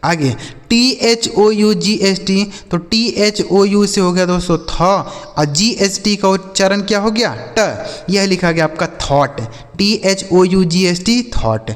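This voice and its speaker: A man with a Hindi accent teaching English spelling, spelling out letters slowly and asking questions that he answers himself. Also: high-pitched, long reverb tail. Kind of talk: spelling lesson.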